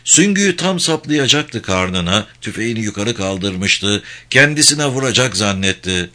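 Brief: male audiobook narrator, steady delivery, forceful bright tone. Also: fairly low pitch, unhurried. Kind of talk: scripted narration of a war novel.

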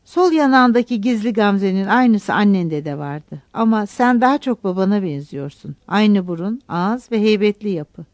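A woman's voice: mid-range voice, animated, normal speed, hardly any pauses, a little mellow, no echo, close to an everyday voice. A woman reading a reserved older woman writer. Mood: fond.

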